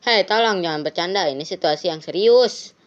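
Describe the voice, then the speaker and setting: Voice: mid-range voice, moderate pace, dull audio, natural voice. A game streamer voicing a brusque, impatient male police officer in a horror game, reading his lines aloud in a scolding tone.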